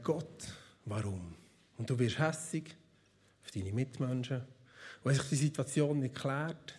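A man's voice: medium pitch, a little mellow. A man with a Swiss German accent telling a Bible story as a casual sermon, chatty and speaking straight to his listeners with asides. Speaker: preacher.

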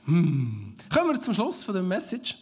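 A man preaching a sermon as pastor, enthusiastic and often laughing, swinging between loud praise and hushed, almost whispered reflection. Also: sits high, huge pitch swings, moderate pace, husky. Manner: laughs often, mixes English exclamations into his preaching.

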